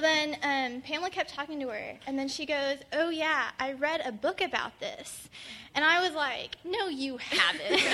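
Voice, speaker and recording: A young woman from Texas tells her testimony as an animated story, laughing often. Her voice sits high and rings bright and clear. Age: young adult. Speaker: college student sharing a testimony. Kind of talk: casual testimony sharing.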